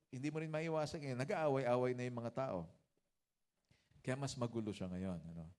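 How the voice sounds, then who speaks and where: A man with a Filipino accent delivers a relaxed, conversational sermon at a middle pitch. He moves easily between English and Tagalog and often checks in with the listener through short tag questions. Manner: conversational Taglish preaching with frequent tag questions. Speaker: preacher.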